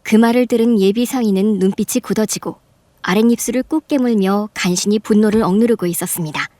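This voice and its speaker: A voice actress playing a middle-aged mother who narrates in a measured way and confronts her sister-in-law firmly. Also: medium pitch, no echo, lightly acted. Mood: narrating. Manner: measured storytelling, firm and sharp when confronting. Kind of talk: Korean radio drama narration.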